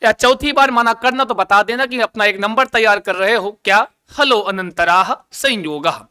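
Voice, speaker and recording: A man's voice: very high-pitched, sharp tone, clear, resonant tone. A man teaching an online exam coaching lesson, playful, asking questions and answering them himself. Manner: chants an opening prayer slowly. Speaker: Sanskrit teacher.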